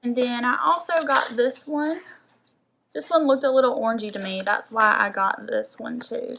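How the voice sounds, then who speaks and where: A woman's voice: a little high, creaky, pushed and bright, slight background noise. A young woman from the American South, chatting casually as a beauty vlogger and saying "like" a lot. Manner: chatty, rambling, says "like" often. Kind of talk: casual makeup haul chat.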